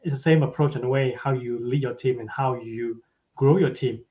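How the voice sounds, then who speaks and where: A man in his forties talks casually as a podcast guest, often ending his points with a quick "right?". His voice sits at an ordinary pitch. The audio is somewhat dull and lo-fi. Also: mellow. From Malaysia. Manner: tags sentences with a questioning "right?". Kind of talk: casual interview chat.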